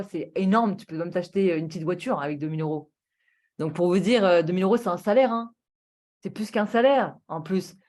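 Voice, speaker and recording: Woman presenter, upbeat persuasive sales pitch, talking casually through deals with lots of rhetorical questions. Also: a little mellow. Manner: enthusiastic, persuasive, full of rhetorical questions and fillers. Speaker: presenter of a travel booking platform. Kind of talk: casual sales presentation over screen share.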